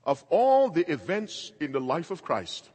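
A middle-aged male pastor preaching a sermon emphatically, moving between loud and quiet passages. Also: a little high, huge pitch swings, unhurried. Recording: long hall reverb.

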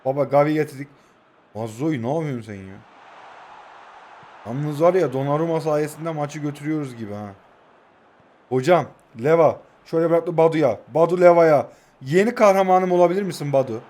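A man in his twenties giving excited casual commentary while playing a football video game. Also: a little high, normal speed. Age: 20s. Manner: excitable, shouts names when attacking. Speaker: mobile football game streamer. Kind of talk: live gameplay commentary.

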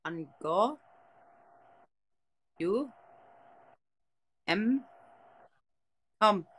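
A young woman hosting a late-night livestream from her bed talks to viewers in a relaxed, chatty way, holding her phone close. Her husky, mid-range voice has a German accent and moves extremely slowly, and she's from Germany; the audio is poor.

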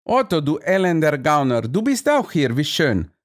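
Ein Mann, der in einem Hörbuch einen angetrunkenen, fröhlichen ungarischen Grafen spricht, mit singendem Unterton. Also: male voice, fairly high pitch, very animated, normal speed, pitched above the performer's own voice. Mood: beschwipst, fröhlich. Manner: singend, lallend, verspielt.

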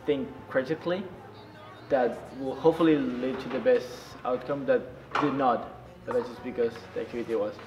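A man's voice: mid-range voice, steady tone, moderate pace, a little mellow, reverberant, dull audio, slight background noise. A young male student casually explaining an activity in an interview. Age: young adult.

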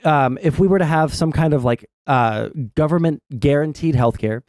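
A young adult man hosting a stream, explaining his political views casually in a measured, halting way. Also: on the high side, a little mellow, no echo, clean studio sound. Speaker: streamer host. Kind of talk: casual political discussion over a game stream. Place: small indoor streaming room. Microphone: close desk mic with headset.

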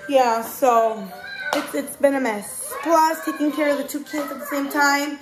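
A young mother chats to her camera in a high, light voice. She rambles and giggles, full of little fillers, in an easy, casual way at home. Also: fairly even intonation, unhurried, music in the background, rough recording. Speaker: vlogger and mother. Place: home during a move, indoors.

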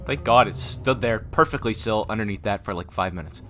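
A man's voice: fairly low pitch, a little fast, fairly bright tone, faint music behind. A man giving mocking, exasperated, sweary commentary over a video game. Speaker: gaming commentator.

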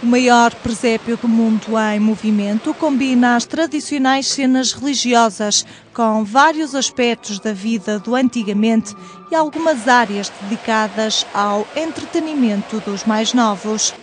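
Portuguese lady news voiceover, kinda high, steady measured read. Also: a little hiss or hum. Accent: European Portuguese. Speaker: news reporter. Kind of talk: scripted news voice-over.

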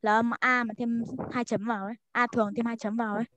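Fast-talking young woman. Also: on the high side, level tone, fairly bright tone, no room sound. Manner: eager, rambling explanations with many fillers. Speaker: study group member. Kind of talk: casual explaining chat.

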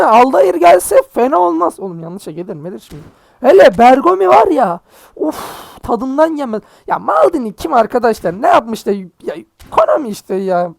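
High, gravelly young man, excitable gamer. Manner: excitable, joking, swears and groans at pack openings. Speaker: mobile football game streamer. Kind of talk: casual gameplay commentary.

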